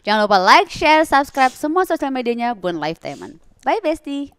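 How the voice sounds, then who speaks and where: A woman's voice: a little high, very animated, normal speed, fairly bright tone, clean tone, dry recording. A woman hosting a casual chat, playful and encouraging toward her guest. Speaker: host.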